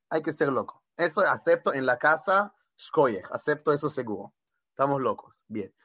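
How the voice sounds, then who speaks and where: A man giving an informal spiritual talk as a rabbi, lively and animated, often correcting himself and mixing in Hebrew words. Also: mid-range voice, no echo, dull audio.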